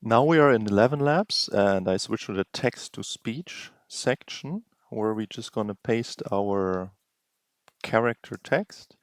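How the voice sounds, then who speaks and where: A man narrating a software tutorial, explaining steps slowly and thinking aloud. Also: on the low side, lively intonation, dry recording, studio quality. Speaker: tutorial host. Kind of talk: screen-recording tutorial narration.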